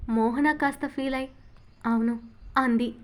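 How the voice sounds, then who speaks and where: A woman narrating a romance novel in a steady, scripted storytelling manner. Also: sits high, fairly quick. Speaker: audiobook narrator.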